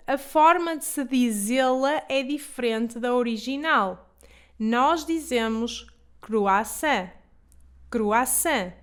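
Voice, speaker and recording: A woman with a European Portuguese accent teaching pronunciation, saying model words slowly and carefully for students to repeat. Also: a little high, fairly bright tone, clean tone. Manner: slow, carefully enunciated model words for repetition. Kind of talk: pronunciation lesson.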